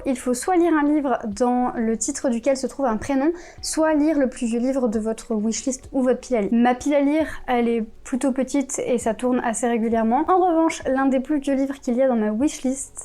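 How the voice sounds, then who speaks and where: Chatty young French woman, mellow voice. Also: a little high. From France. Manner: chatty, with many fillers and self-corrections. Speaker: book youtuber. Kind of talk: casual chat.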